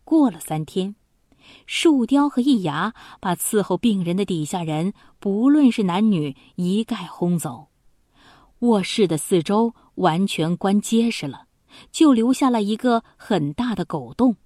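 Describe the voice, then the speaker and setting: A woman storyteller reading a historical tale for children, slowly and expressively. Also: medium pitch, animated, warm tone, no echo, clean studio sound.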